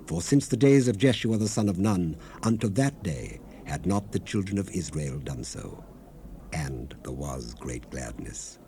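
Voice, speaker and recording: On a noisy 1970s cassette rip with faint hiss, a man with a low, mellow voice narrates a dramatized Bible recording. He reads scripture as grave, declamatory drama, his measured phrasing rising and falling widely, over ambient sound effects and tape noise.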